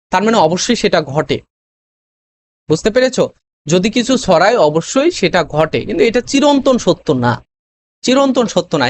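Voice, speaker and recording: Tutor, recorded lesson, step-by-step, hesitant, frequent check-ins, faint background noise. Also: mid-range voice. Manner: explains step by step, often checks with "ঠিক আছে?"; hesitant, frequent fillers and self-corrections. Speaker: admission test tutor.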